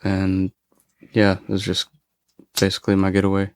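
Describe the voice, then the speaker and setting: Man telling a story, clear low voice. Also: monotone, no room sound. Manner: swears freely, halting restarts. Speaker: podcast guest, former forest ranger. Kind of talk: casual storytelling.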